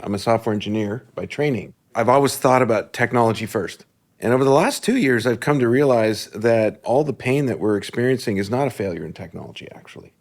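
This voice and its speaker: Male panelist, articulate and measured, average pitch. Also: lively intonation, a little mellow. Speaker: panel guest, tech executive. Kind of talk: panel discussion.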